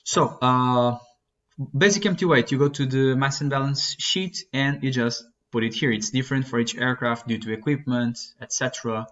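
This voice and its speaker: A young man teaching a flight-prep lesson as he works through a chart, talking in a halting way with many fillers and self-corrections. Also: mid-range voice, a bit bright. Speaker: flight instructor. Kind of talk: screen-recorded lesson walkthrough. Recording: dull lo-fi sound.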